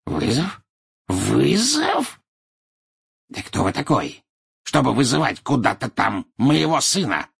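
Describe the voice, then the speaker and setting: A man voicing a furious, boastful old pure-blood wizard, ranting in a raspy, shrill voice. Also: wildly swooping pitch, slow, long pauses, exaggerated voice. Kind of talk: audiobook character reading.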